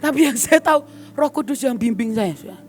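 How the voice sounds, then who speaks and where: High-pitched woman preaching. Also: brisk, faint music behind. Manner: animated, acts out quoted voices, addresses the congregation as "saudara". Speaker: evangelist. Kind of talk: sermon with storytelling.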